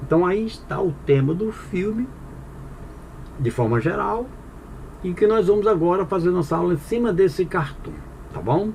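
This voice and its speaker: A man's voice: high-pitched, animated, moderate pace, creaky, a little mellow, slight background noise. A man teaching a Portuguese grammar lesson in a conversational, explanatory way, asking the listener questions and answering them himself. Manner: conversational with frequent "tá bom?" check-ins.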